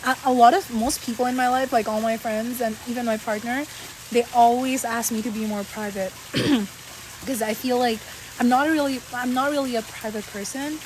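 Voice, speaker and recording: A woman's voice: on the high side, fairly even intonation, normal speed. Chatty young woman, noisy recording. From Saudi Arabia. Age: 20s. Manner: chatty, filler-heavy, confiding. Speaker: content creator. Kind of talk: casual about-me vlog.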